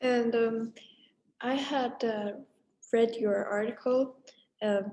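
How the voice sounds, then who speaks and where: A young woman interviewing a guest, asking her question haltingly with many "uh" pauses. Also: a little high, fairly even intonation, dark tone.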